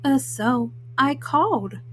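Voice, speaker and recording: A woman voicing a folksy, self-justifying male wolf in a storybook, haltingly, with frequent uhs. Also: high-pitched, animated, a bit bright, a little hiss or hum, heavily acted. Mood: self-justifying, matter-of-fact. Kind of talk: storybook read-aloud in first person.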